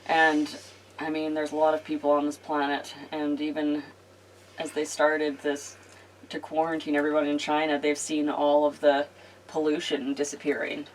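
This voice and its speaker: Low-pitched Canadian woman co-hosting a casual at-home podcast, chatty and animated. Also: moderate pace, far from the mic, a little hiss or hum. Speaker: podcast co-host. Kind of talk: casual chat. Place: home living room.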